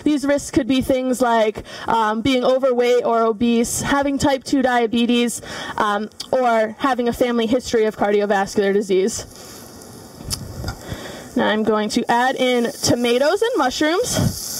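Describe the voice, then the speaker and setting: Her voice sits on the high side and she keeps a measured pace. A young woman studying cooking runs a demonstration in a large studio kitchen, explaining each step with lots of fillers, and the mic catches her from far off.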